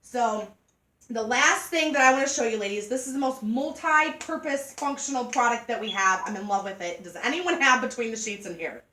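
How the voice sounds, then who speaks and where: Bright, chatty Midwestern woman pitching products. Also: normal speed, a little hiss or hum. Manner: chatty, joking, animated storytelling. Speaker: party product consultant. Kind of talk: sales demonstration to a group. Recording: echoey room from far off.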